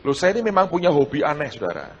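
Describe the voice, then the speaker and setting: A middle-aged man, preaching a sermon and telling his own story, swinging between hushed and loud. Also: a little high, fast, dull audio. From Indonesia. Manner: animated, shifts between hushed and loud, addresses audience as saudara. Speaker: pastor. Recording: large hall with long reverb and faint noise.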